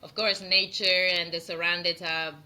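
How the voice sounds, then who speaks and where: Bright-voiced Spanish woman, chatty and laughing. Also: on the low side, level tone, moderate pace. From Spain. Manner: laughs often, warm and chatty with many fillers. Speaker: perfume brand founder. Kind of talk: interview conversation.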